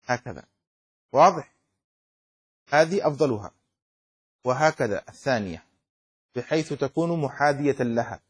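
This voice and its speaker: A man's voice: mid-range voice, expressive, normal speed, pauses often, slightly rough. A middle-aged man teaching a class, explaining a text and often asking the students whether they have understood. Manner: keeps checking students understand, asks questions. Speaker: teacher of Islamic law.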